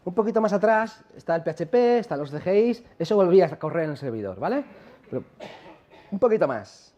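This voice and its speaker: Very animated and fairly quick, a man with a high-pitched, warm voice delivers a chatty live tech conference talk. He's from La Mancha, speaks with a Castilian Spanish accent, and keeps throwing questions and tag questions at the audience.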